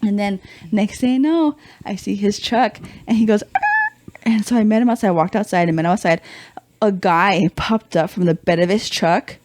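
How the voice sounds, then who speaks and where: A woman's voice: medium pitch, steady tone, a little fast, a little mellow, no echo. Twenty-something woman rambling thru a story, lots of like and you know, swears a lot, dry mic. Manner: loose and profane, full of "like" and "you know". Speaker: podcast guest. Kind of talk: casual storytelling.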